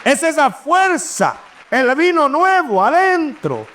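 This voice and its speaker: Animated male preacher with lively pitch. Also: slow, a faint crowd, a little hiss or hum. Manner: animated, acts out quoted voices. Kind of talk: sermon.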